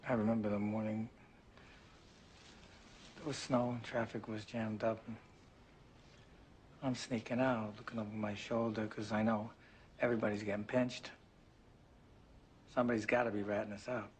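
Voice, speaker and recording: An actor playing a hardened undercover cop in a crime drama, terse and streetwise. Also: male voice, on the low side, flat delivery, normal speed, long pauses, slight background noise, lightly acted.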